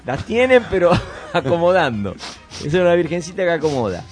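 A man's voice: on the high side, sing-song, brisk, faint music behind. A man with an Argentine accent bantering on a radio show, arguing and joking with rhetorical questions. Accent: Argentine Spanish. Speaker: radio host.

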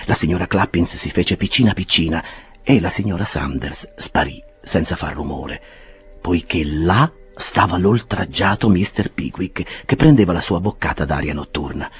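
A man reading a classic novel aloud in an expressive, theatrical way. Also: deep voice, normal speed, slightly rough. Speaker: audiobook reader. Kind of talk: scripted narration.

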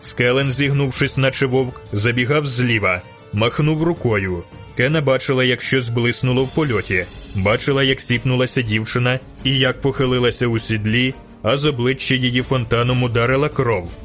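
A man reading a fantasy novel aloud as audiobook narrator, with measured, dramatic storytelling. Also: medium pitch, fairly bright tone, soft background music. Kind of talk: scripted narration.

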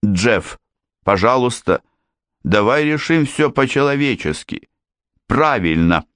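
A man's voice: mid-range voice, animated, slow, fairly bright tone, smooth, no room sound, clean studio sound, pitched above the performer's own voice. A man voicing a frightened man who urgently pleads with his armed brother, in an audiobook reading. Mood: pleading.

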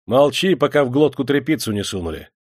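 A man voicing a stern, commanding male Cossack chieftain who barks orders loudly. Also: mid-range voice, animated, fairly quick, slightly rough, no echo, clean studio sound. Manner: loud, imperious orders.

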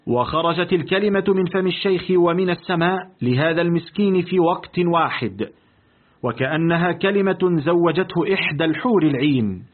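A man narrating a literary audiobook in a deliberate, expressive reading. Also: on the high side. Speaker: audiobook reader. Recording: tinny, lo-fi phone-like audio.

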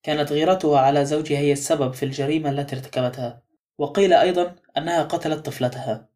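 A man reading the lines of a discreet male law clerk in an audiobook, hushed and confiding. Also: fairly high pitch, fairly even intonation, very fast, lightly acted.

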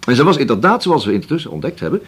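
An actor playing a shrewd police inspector who questions slowly and keeps humming to himself. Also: male voice, medium pitch, big pitch swings, a bit bright, slightly rough. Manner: slow, probing, drawn-out with many hums. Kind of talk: radio drama acting.

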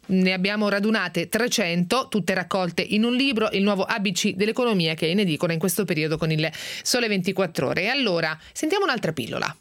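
A woman hosting a radio call-in show about finance, talking briskly with guests and callers. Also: mid-range voice, expressive. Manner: brisk, conversational, thanks callers. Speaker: radio host.

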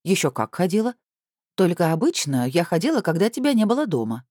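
A sly, teasing woman, as the reader plays her in an audiobook, her lines lifted high and swinging wide in pitch. Underneath, the voice stays mellow and dark in tone, recorded close and dry. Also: big pitch swings, fairly quick, dry recording. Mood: mocking. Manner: bright, teasing, raised voice. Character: sly, mocking woman feigning innocence. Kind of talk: audiobook character voice.

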